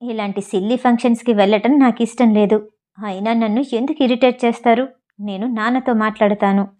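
A woman reading the lines of a young wealthy husband who is grieving and irritable, in a slower, softer voice. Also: fairly high pitch, fairly even intonation, natural voice. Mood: bitter.

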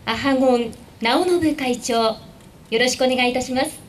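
High-voiced woman announcer, distant and noisy. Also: normal speed. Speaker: event announcer. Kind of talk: formal ceremonial announcement. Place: outdoor stage and lawn. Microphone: stand microphone, recorded from afar. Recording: distant, noisy outdoor event recording.

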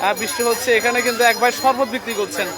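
A man with a regional Bangladeshi accent from the Chittagong-Sandwip area reports live from an outdoor fair in a halting, repetitive, informal way. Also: very high voice, fairly even intonation, over loud music. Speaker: on-location fair reporter and host. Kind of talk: live street reporting with vox pops. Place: outdoors at a busy village fair. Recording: noisy outdoor crowd, street and vehicle sounds.

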